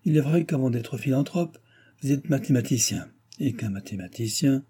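A man's voice: medium pitch, lively intonation, normal speed, mellow, breathy edge. A man voicing an aging, evasive king in an audiobook, exclaiming in exasperation. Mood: exasperated. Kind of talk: audiobook reading.

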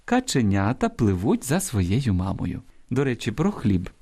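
Male radio host, didactic scripted read, lively intonation, lingers on example words. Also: mid-range voice, husky. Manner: didactic, spells out examples slowly and emphatically. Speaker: radio language program host. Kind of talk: scripted radio talk answering listener questions.

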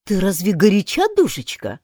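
A woman's voice: mid-range voice, very animated, moderate pace, dark tone, husky, no echo, clean studio sound. Woman putting on a pompous blustering king. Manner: fussy, triumphant, self-satisfied.

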